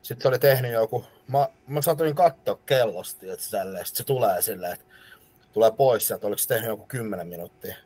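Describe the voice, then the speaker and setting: A man's voice: lowish voice, dark tone, slightly rough. A man, a personal trainer telling rambling gym stories brashly on a podcast, swearing as he goes. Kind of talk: casual podcast chat.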